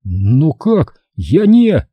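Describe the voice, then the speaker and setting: A man's voice: a little high, wildly swooping pitch, drawn-out words, breathy edge, dry recording, dull audio, voice pushed up, exaggerated voice. A man voicing a frightened, stubborn twelve-year-old hunter boy in an audiobook, speaking in an urgent, pleading, tearful way. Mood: anxious pleading.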